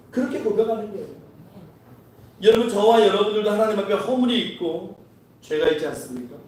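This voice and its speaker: A man's voice: high-pitched, darkish tone, slight background noise. A man preaching a sermon, telling a story and acting out its dialogue as he goes. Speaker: pastor. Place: church sanctuary. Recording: echoey church hall from far off.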